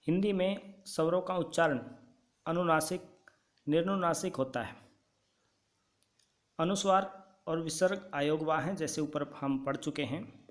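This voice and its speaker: A male teacher giving a grammar lesson, dictating notes slowly and repeating key points for students to write down. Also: on the high side.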